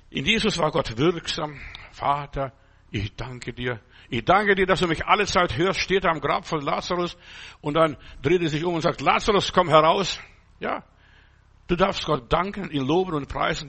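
Gravelly, husky German-speaking preacher man. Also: a little high, pushed and bright. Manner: emphatic, repetitive preaching with scripture quotes. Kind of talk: sermon.

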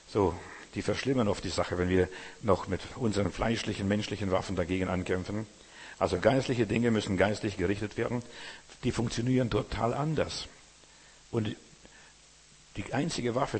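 A man delivers an earnest sermon in a low, very husky voice. He exhorts his congregation and speaks straight to them. His words ring out with a long reverb, as in a large hall. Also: darkish tone. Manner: earnest, exhorting, addresses listeners directly. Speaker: preacher.

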